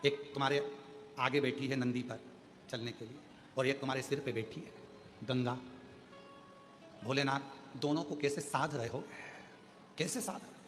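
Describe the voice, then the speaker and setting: A man voicing a soft-spoken pleading demon. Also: fairly even intonation, moderate pace, long pauses, natural voice. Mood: quiet. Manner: soft and low, devotional pleading. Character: male demon Tarakasur, humble and pleading. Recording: long hall reverb with music.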